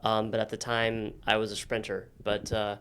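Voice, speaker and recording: Smooth-voiced man from Miami, native Spanish speaker. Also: lowish voice. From Miami, United States. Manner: relaxed storytelling with frequent "um" pauses. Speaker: podcast guest. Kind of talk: casual interview conversation.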